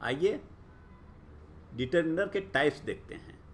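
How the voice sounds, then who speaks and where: A man explains grammar in a patient, deliberate lecture. His voice sits a little high and moves a lot as he stresses each term. He takes his time over every phrase. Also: lively intonation, a little hiss or hum. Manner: slow, deliberate, rising and falling emphasis. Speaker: grammar teacher.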